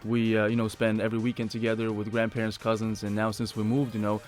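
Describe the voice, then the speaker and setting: A man's voice: on the low side, monotone, quick pace, darkish tone, faint music behind. A young man, a basketball player talking casually in a radio interview, stumbling and restarting often. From Lithuania. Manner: hesitant, many restarts and fillers.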